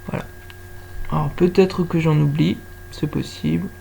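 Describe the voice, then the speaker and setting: A woman's voice: sits low, steady tone, a little slow, vocal fry, dark tone, slight background noise. A woman teaching young children to spell by sound, patiently stretching out each syllable. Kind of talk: slow phonics lesson for young children.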